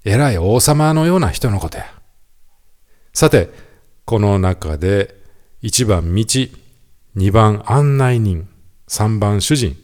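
A man with a Kansai accent giving a lively, quiz-style lesson on the English words heard in gospel songs. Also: lowish voice, takes it slowly, pauses often. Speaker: teacher.

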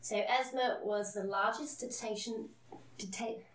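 A woman's voice: fairly high pitch, steady tone, measured pace. A woman tells a story in an earnest, casual way and laughs at her own slips. Her voice carries a roomy echo. She sits a little back from the microphone. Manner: earnest, self-deprecating, laughs at herself. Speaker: podcast co-host. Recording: roomy, a bit distant from the mic.

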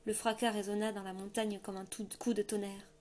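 A woman narrating a fantasy novel in a steady, measured storytelling voice. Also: mid-range voice, a little hiss or hum. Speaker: audiobook narrator. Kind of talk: scripted narration.

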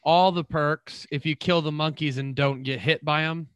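A man's voice: fairly high pitch, fairly even intonation, moderate pace, fairly bright tone, clean tone, no room sound. A young man chatting casually about video games, rambling with lots of fillers and restarts.

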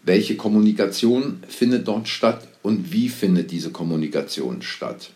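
A man coaching dental practice staff through a guided visualization, asking a steady stream of probing questions in a calm, unhurried way. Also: on the low side.

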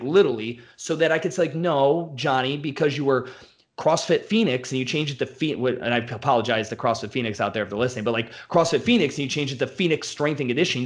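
Speaking at an ordinary mid pitch, this gym owner keeps the casual podcast chat loose and unscripted. His delivery comes in quick, profane, blunt bursts, one example tumbling after another.

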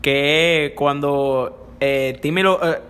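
Halting young Dominican man, higher-pitched voice. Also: steady tone, a bit bright. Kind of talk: casual group chat.

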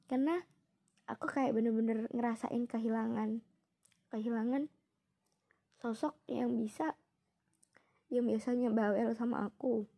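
A young woman from East Java telling a personal story in a soft, reflective way, pausing often with fillers. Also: a little high, fairly even intonation, vocal fry. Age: young adult.

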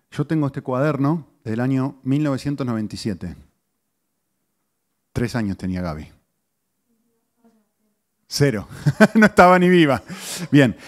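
A middle-aged man, a pastor giving a conversational sermon to his congregation with lively rises in pitch and asides to the listeners. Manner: conversational teaching, animated pitch swings, audience asides.

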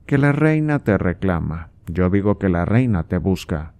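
A man's voice: sits low, big pitch swings, normal speed, dark tone. A man reading aloud and voicing a scornful, impatient old nobleman who scolds his son with sarcasm. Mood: coaxing. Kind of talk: audiobook character voice.

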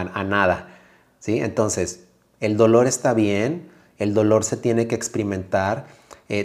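Calm Mexican man, low voice. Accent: Mexican Spanish. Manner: calm, reflective, speaks straight to the listener with frequent "¿sí?" checks. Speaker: yoga teacher and podcast host. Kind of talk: motivational podcast monologue.

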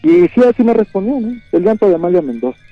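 A man's voice: high voice, very animated, over music. Earnest man, muffled radio audio. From Mexico. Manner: earnest storyteller, repeats 'le digo', halting restarts. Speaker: caller. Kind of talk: telling a personal story on air.

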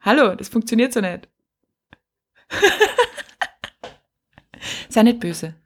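A woman's voice: on the high side, slow. A woman co-hosting a casual podcast, rambling and hesitant, with frequent giggles. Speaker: podcast co-host.

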